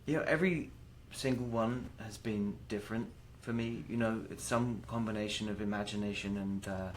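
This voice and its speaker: A man's voice: fairly low pitch, normal speed, a little hiss or hum. A man in his thirties, an actor being interviewed, talking casually with hesitant fillers and easy laughs. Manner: relaxed, hesitant with many fillers, laughs easily. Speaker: actor guest.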